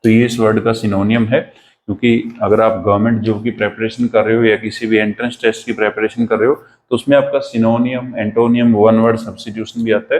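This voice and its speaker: A man teaching English vocabulary in a classroom-lesson style, with an Indian accent, repeating each word slowly for pronunciation drills. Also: fairly low pitch, darkish tone, a little hiss or hum, poor audio.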